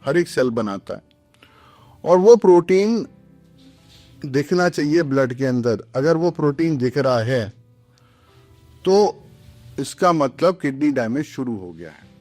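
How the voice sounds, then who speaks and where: A man's voice: medium pitch, lively intonation, takes it slowly, long pauses, dark tone, dry recording. Doctor guy explaining stuff, earnest, dry studio sound, faint music under. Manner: earnest, mixes English phrases into Hindi. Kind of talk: explanatory podcast talk.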